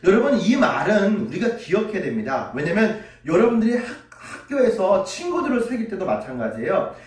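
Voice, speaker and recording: Male children's pastor with a high voice, telling an animated Bible story, recorded from a distance in a reverberant church. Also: brisk. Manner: animated, acts out quoted voices, asks children questions. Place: church sanctuary.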